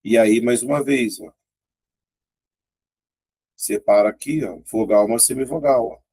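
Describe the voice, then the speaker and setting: Gravelly Brazilian teacher, casual and chatty. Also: male voice, medium pitch, unhurried, dark tone. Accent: Brazilian Portuguese. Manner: casual, chatty, keeps pointing things out and checking in with students. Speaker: grammar teacher. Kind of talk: exam-prep grammar lesson.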